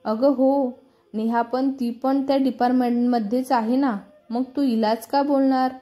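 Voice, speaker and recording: A woman's voice: high voice, steady tone, unhurried, warm tone. Woman doing a fond, scolding storybook mother. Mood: reasoning. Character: caring middle-aged mother, gently scolding.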